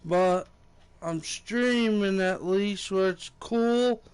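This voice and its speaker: High-pitched frat-bro streamer guy, slow delivery. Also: clean tone. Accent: American. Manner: frat-bro slang, hyping himself. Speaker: game streamer, show host. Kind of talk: casual livestream chat while gaming. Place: indoors, air-conditioned room.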